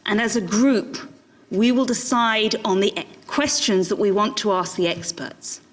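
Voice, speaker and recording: Woman, group moderator; calm, methodical explainer. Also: mid-range voice, measured pace. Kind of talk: moderating a discussion.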